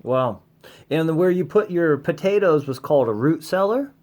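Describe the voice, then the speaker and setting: A man's voice: fairly high pitch, expressive, normal speed, darkish tone. A man interviewing someone in a casual, encouraging chat.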